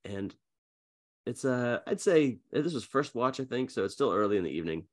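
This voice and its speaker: A man running a tabletop game as game master, narrating in a casual, halting, informal way. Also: medium pitch, big pitch swings.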